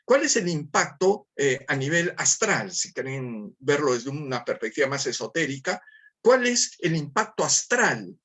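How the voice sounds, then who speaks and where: A man's voice: a little high, big pitch swings, unhurried, fairly bright tone. A man with a Peruvian Spanish accent giving a formative lecture, talking in a didactic way, repeating himself and asking rhetorical questions.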